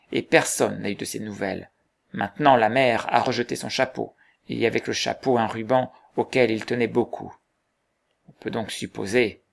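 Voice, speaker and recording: A gruff older man, suspicious and blunt, pressing with probing questions, as a man reading the story puts him on. His voice is gravelly and of middle pitch. He stays stern and searching throughout this storybook reading.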